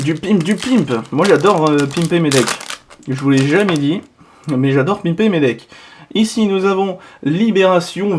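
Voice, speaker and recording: A man's voice: on the high side, a little mellow. A man giving casual, rambling commentary as he opens trading card boosters, dropping little asides between cards. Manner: chatty, rambling, full of little "hop, voilà" asides. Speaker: card collector opening boosters.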